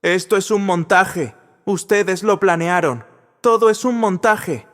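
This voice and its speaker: A man voicing an arrogant man who is losing control, shouting desperate, shrill protests. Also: slow pace. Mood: furious. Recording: long reverb.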